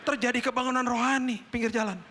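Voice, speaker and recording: Bright, lively pastor preaching. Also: male voice, very high-pitched, fast. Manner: lively storyteller, acts out dialogue. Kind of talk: sermon with storytelling.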